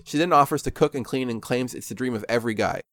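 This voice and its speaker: A man's voice: medium pitch, fast talker, fairly bright tone, no room sound. Sarcastic man narrating a game. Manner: sarcastic, self-mocking. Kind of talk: comedic playthrough narration.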